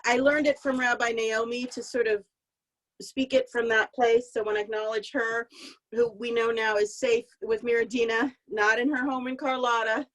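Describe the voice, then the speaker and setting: A woman's voice: a little high, a bit bright, poor audio. A woman leading Shabbat services over a video call, speaking heartfelt and emotional, close to tears. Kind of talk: heartfelt spoken Shabbat reflection. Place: home meditation and prayer room.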